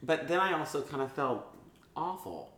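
A man's voice: on the high side, moderate pace, reverberant. A man in his thirties, podcast co-host, telling bawdy stories with lots of laughter. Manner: bawdy, laughing, animated storytelling. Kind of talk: crude comedic banter.

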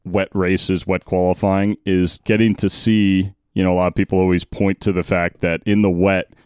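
A man's voice: low-pitched, level tone, normal speed, darkish tone, clear, resonant tone, no echo. A man co-hosting a podcast in casual sports chat, close on the mic. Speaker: podcast co-host.

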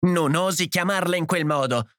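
A man voicing a distraught young mother, pitching his voice high and letting it break as she sobs. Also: sing-song, moderate pace, dry recording, clean studio sound. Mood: tearful.

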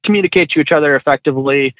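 Laid-back trucker guest on a tinny line. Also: male voice, on the high side, very fast, no echo. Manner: laid-back, slangy, many fillers and restarts. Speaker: truck driver trainer, guest. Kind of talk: casual storytelling.

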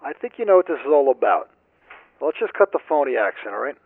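A hard-pressing male interrogator who commands rather than asks, as a man plays him. His voice carries a gravelly rasp. The recording sounds dull and lo-fi. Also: medium pitch, big pitch swings, fast, no room sound. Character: tough male defense force interrogator. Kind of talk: amateur audio drama acting.

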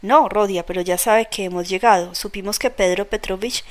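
A woman's voice: mid-range voice, moderate pace, natural voice. A woman reading the lines of a worried middle-aged mother who pleads with her son. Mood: anxious.

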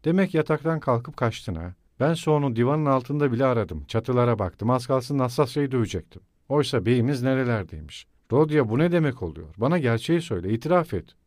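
A man voicing a shouting hot-tempered student. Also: mid-range voice, lively intonation, fast, dry recording, clean studio sound, natural voice. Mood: angry. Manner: loud, blustering, pleading.

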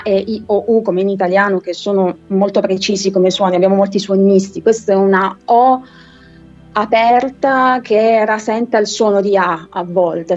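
A woman teaching an explanatory lecture, patiently breaking points down step by step and slowing down to read English verses aloud. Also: medium pitch, darkish tone, highs cut off. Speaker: literature and phonetics teacher.

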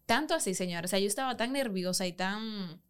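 A young Dominican woman telling wedding stories in lively casual chat, laughing often. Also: medium pitch, fairly quick, clean tone. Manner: animated storytelling, laughs often.

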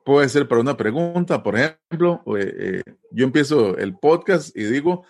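A man from Costa Rica with a Costa Rican accent, explaining in a relaxed, patient way as an interview guest, often pausing with fillers and tag questions. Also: medium pitch. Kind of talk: casual conversational explanation.

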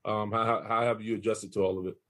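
A man's voice: fairly low pitch, flat delivery, quick pace, a bit bright. A man interviewing an athlete, asking loose, conversational questions with fillers.

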